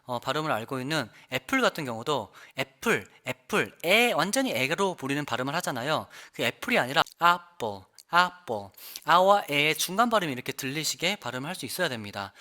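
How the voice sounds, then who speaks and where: A man's voice: a little high, sing-song, fast, few pauses, sharp tone. A man teaching English pronunciation in an online lesson, explaining each point and demonstrating the sounds by repeating words.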